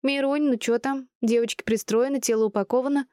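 A woman's voice: mid-range voice, lively intonation, brisk, a little mellow, dry recording, studio quality, pitched above the performer's own voice, close to an everyday voice. A woman voicing a cheerful, teasing middle-aged female friend with a playful, slangy way of talking.

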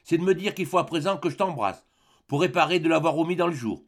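A man's voice: fairly high pitch, animated, quick pace, voice pushed up. A man voicing an earnest young peasant man who talks eagerly and insistently in an audiobook.

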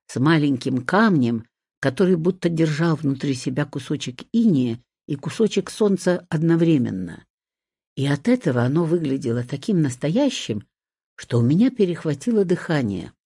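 A woman reading a first-person story aloud, in a soft, expressive way. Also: deep voice, breathy edge, dry recording, studio quality.

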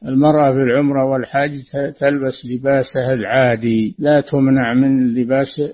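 An older man answering religious questions on the radio in a measured, authoritative way, often quoting scripture. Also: medium pitch, little pitch movement. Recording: muffled old radio recording.

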